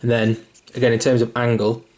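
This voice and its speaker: A young man with a mid-range, darkish voice talks a little fast in a completely flat delivery while giving a casual miniature painting tutorial. He rambles a bit, with fillers, restarts and the odd swear word, sounding mildly self-deprecating and sweary. He is hiccuping throughout.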